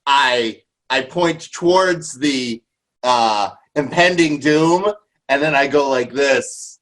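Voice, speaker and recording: A man playing a tabletop game, excitable and joking as he describes his character's antics. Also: mid-range voice, takes it slowly, rough recording. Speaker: player.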